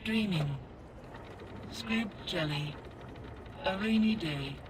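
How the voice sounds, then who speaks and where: A glitching clockwork robot, played by a woman, stutters out clipped, formal machine phrases, repeating words as it errors. Her voice sits at an ordinary middle pitch. Clear background noise runs under the game audio. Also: slow pace, close to an everyday voice. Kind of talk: video game dialogue.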